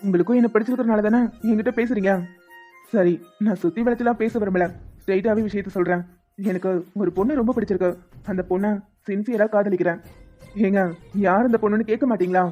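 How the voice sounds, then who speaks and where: A woman's voice: mid-range voice, mellow, lightly acted. A woman voicing a confident young man who speaks frankly as a suitor in a cartoon. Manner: direct, quick, frank. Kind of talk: cartoon voice acting. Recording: dull lo-fi sound with faint music.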